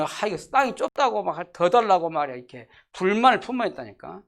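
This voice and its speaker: A preacher delivering a church sermon, the pitch leaping up and down with lively animation. Key phrases come back again and again, and questions are thrown out at the congregation. Loud, pressing declarations give way to sudden quiet, almost whispered asides. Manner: emphatic, repeats key phrases, asks the congregation rhetorical questions. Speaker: pastor. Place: church sanctuary.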